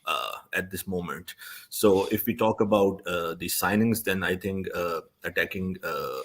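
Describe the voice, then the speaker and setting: A man speaking as a guest pundit in a casual football discussion, giving his opinions in a measured, hesitant way. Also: on the low side.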